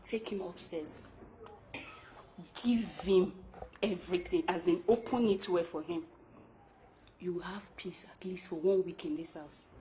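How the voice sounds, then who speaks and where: A woman's voice: on the low side, steady tone, a little slow, long pauses, warm tone, slight background noise, lightly acted. A woman with a Nigerian accent playing an unmarried friend in a film drama. She speaks earnestly and gives advice. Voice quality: earnest, advising. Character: unmarried female friend, calm and preachy. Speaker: film actor.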